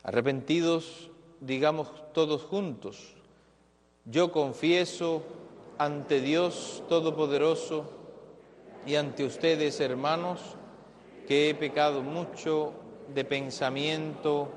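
A man, a priest, celebrating Mass in a large church, speaking in a slow, solemn liturgical cadence with a cathedral echo. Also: on the high side, steady tone, a little hiss or hum. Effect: cathedral echo, long church reverb. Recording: echoey church broadcast with long reverb.

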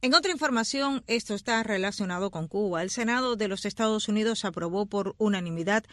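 A woman's voice: medium pitch, fairly quick, fairly bright tone, no room sound, studio quality. A woman anchoring radio news, reading scripted items and handing over to colleagues.

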